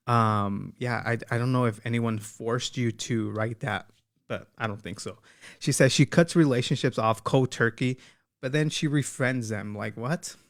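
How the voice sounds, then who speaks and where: A man's voice: mid-range voice, no echo, clean studio sound. A man hosting a reaction commentary, talking casually with sarcasm, slang and frequent laughter. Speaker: commentary host.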